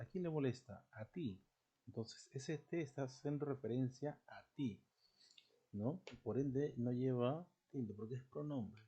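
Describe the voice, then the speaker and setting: A man with a husky, mellow voice teaches a recorded grammar lesson. He explains step by step and keeps checking in with quick rhetorical questions. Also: mid-range voice.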